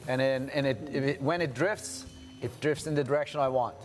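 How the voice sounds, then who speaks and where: A man from Turkey, a guest in an interview, telling his story in a measured, reflective way. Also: medium pitch, fairly even intonation, over music. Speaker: guest adventurer. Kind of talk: interview answers.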